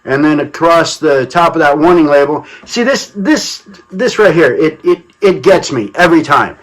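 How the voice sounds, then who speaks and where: A man's voice: fairly high pitch, moderate pace, poor audio. A man chatting casually to camera as a product reviewer, with a folksy, colloquial and emphatic way of talking. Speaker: product reviewer and channel host.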